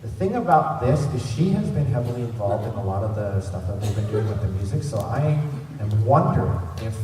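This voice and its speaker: A man hosts a trivia session at a fan convention, talking informally and somewhat ramblingly to a live audience in a large indoor hall. His voice is fairly low, animated, brisk, and dark-toned. It was recorded from far off in a very echoey, noisy hall full of room ambience.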